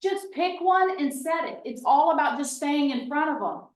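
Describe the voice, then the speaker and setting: A woman with a fairly high voice leads a training session in a meeting room. She talks in a folksy, emphatic way and keeps slipping in chatty asides. She stands back from the mic, and the room rings around her words. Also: lively intonation, normal speed, distant mic. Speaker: real estate trainer. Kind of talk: lively training talk to a room. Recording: roomy, from off the mic.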